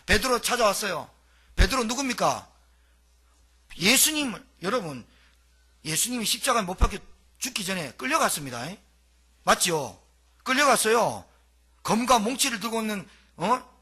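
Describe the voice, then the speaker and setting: A man's voice: sits high, big pitch swings, moderate pace, long pauses, sharp tone, breathy edge. A male pastor delivering a dramatic, colloquial sermon full of rhetorical questions.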